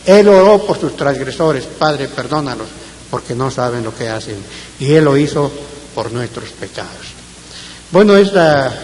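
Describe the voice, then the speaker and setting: A man preaching a Bible-study sermon, reading scripture aloud in a measured way and letting his phrase endings fall away softly. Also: a little high. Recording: long reverb with faint hiss.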